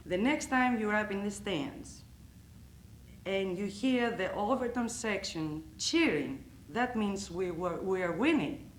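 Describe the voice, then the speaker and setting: At a banquet hall, a Greek-accented woman from Greece, the coach's wife, gives a roast speech full of funny stories about her husband. She tells them slowly and deliberately, with comic timing, in an expressive medium-pitched voice. The hall sounds echoey, with slight background noise.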